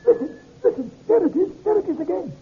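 Male actor as a cowering stranger: high, shrill, hysterical, on an old radio recording. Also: big pitch swings, quick pace, narrow, tinny audio. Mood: terrified. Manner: shrill, panicked pleading. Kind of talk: 1930s radio acting.

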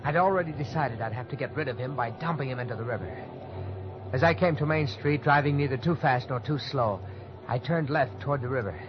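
This is an old-time radio suspense piece: an actor, lightly acted, plays a panicked young man tensely narrating his own cover-up and stammering when pressed. His voice is medium-pitched and fairly quick. Background noise and loud music sit in a dull, dated recording.

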